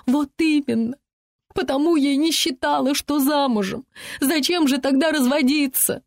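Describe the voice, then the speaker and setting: A gushing, naive woman, as a woman reader puts her on, sweetly stubborn, her voice pitched high and breathy. The read is dry and close. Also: normal speed, no echo. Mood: earnest.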